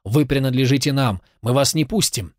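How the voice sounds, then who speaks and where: A man's voice: medium pitch, moderate pace, no echo, studio quality, natural voice. A man reading the lines of an impassioned, grateful young man in a storybook, fervent and insistent.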